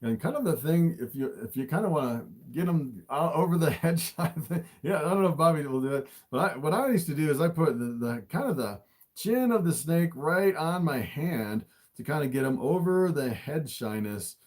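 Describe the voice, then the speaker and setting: Male livestream host, animal keeper type, somewhat high voice, informal and easily impressed, talking straight to viewers. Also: animated, normal speed. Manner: easily amazed, often chuckling between remarks. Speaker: snake keeper hosting a livestream. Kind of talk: casual livestream chat, showing animals to viewers.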